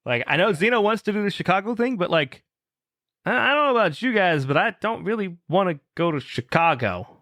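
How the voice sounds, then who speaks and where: Bright lively high-voiced guy rambling on a podcast, dry sound. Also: brisk, dry recording. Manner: rambling, lots of fillers and swearing. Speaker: podcast host. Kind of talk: casual chat.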